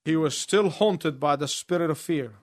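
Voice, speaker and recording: A man preaching a sermon in short phrases, pausing so an interpreter can translate each one. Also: a little high, dry recording, studio quality.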